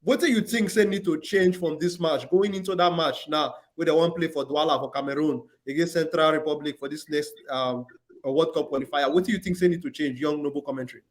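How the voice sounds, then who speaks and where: A man's voice: fairly high pitch, fairly quick. A man with a Nigerian accent hosting a casual football talk show, pressing his guest with upbeat questions.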